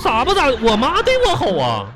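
A man's voice: very high-pitched, huge pitch swings, a little fast, full character voice. A man playing a boastful older male classmate in a live radio comedy sketch, rambling and stammering as he bluffs. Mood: bluffing. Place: radio studio. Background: music.

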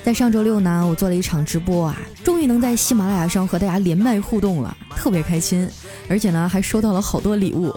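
A woman podcast host telling comic stories in a lively, playful way. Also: mid-range voice, soft background music. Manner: lively, playful with frequent drawn-out particles. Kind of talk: comic storytelling.

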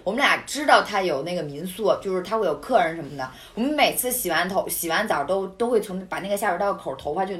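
A woman recounts a story in relaxed, casual conversation. Her pitch swings widely as she tells it, and she breaks into indignant, animated outbursts. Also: fast, few pauses. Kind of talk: casual chat.

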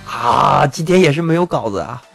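A man's voice: on the high side, lively intonation, normal speed, vocal fry, fairly bright tone, faint music behind. A man hosting his own podcast, talking without a script in a playful, self-mocking way and often laughing as he speaks, recording alone at home at night. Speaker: podcast host. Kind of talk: unscripted comic monologue.

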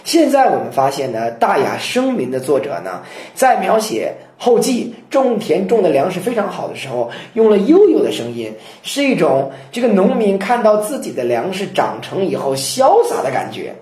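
A man teaching the chanting of classical poetry, explaining in a lively lecture and breaking into slow chanted verse. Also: high voice. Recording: roomy echo.

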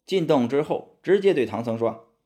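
Lively male storyteller. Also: mid-range voice, normal speed. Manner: lively, expressive reading. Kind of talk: children's storybook narration.

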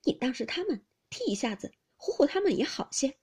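A woman reading aloud, giving a gentle, patient young maid her soft, forbearing lines. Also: high voice, very animated, fairly quick, pitched above the performer's own voice. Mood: placating. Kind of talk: storybook reading.

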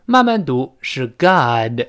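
A man teaching English pronunciation, explaining in Chinese and repeating words slowly for drill. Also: medium pitch, sing-song, fairly bright tone. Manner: emphatic, explanatory.

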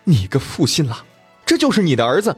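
A man's voice: medium pitch, very animated, brisk, no echo, faint music behind. A man voicing a proud, fiery young woman who has been wronged by her lover, speaking in a raised, pleading voice. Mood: scolding.

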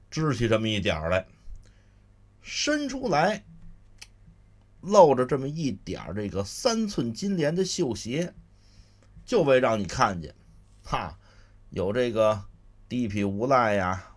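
Man, Beijing accent, solo crosstalk comedian, very lively pitch swings, conversational storytelling, explanatory asides. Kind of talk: comic storytelling to listeners.

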